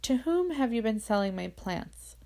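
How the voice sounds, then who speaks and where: A woman voicing a wealthy, formal gentleman collector who speaks in a commanding, amused way. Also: on the high side, big pitch swings, normal speed, voice pushed up.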